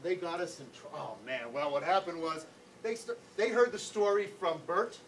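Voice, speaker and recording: A man's voice: fairly high pitch, moderate pace. Man telling a story from afar. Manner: animated, conversational, full of "like". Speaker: anti-bullying educator. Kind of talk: personal storytelling to children. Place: classroom or school hall. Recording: distant mic, faint room noise.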